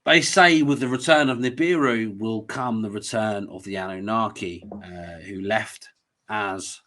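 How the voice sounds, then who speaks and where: A man's voice: fairly low pitch, measured pace, bright, forceful tone. A man hosting a casual conversation, talking in a rambling, hesitant way. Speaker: host.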